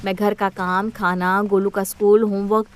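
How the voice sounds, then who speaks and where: A woman's voice: mid-range voice, level tone, normal speed, a little hiss or hum, natural voice. A woman voicing a hardworking young mother in a cartoon story, firm and earnest.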